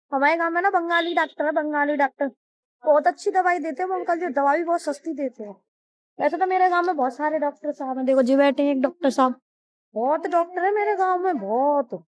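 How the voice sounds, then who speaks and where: A young woman with a sore, hoarse throat, chatting casually through her village vlog, coaxing and scolding family and kids. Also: high voice. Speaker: village vlogger. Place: outdoors in a village, farmyard and lanes.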